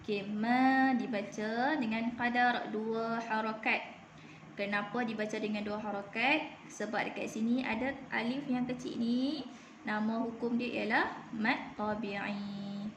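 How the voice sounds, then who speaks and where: A Malaysian woman leads a Quran recitation lesson. She talks in a slow, fairly high voice, drilling each word patiently. The room echoes around her, with a faint hum behind. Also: fairly even intonation. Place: room at a clinic.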